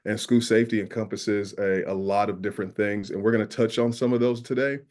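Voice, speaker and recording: A man from New York with a Southern drawl, a school safety specialist presenting a webinar, earnest and filling pauses with "uh". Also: on the low side, fairly even intonation, darkish tone. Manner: earnest, many "uh" fillers.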